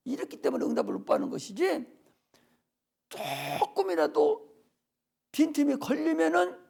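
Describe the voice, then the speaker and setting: An older man, a pastor preaching a Friday worship sermon with fervent urging that drops to soft near-whispers. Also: very high-pitched, gravelly.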